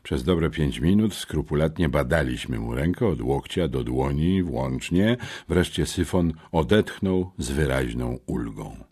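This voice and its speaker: A man reads an audiobook with a very deep voice and a husky, breathy grain. His narration is expressive, with a lively melody that rises and falls through the story. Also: unhurried, few pauses.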